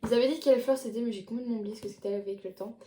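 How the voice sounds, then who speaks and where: A young woman, a book vlogger, chats casually about books she has read, holding them up to the camera with many fillers and restarts. Her fairly high, mellow voice moves very fast, in an echoey room with slight background noise.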